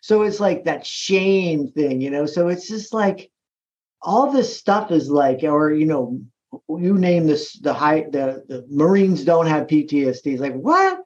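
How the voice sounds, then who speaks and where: A military veteran talking in a casual interview, with many restarts and fillers. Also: male voice, fairly high pitch, darkish tone. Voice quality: halting, full of restarts and "like". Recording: slightly muffled recording.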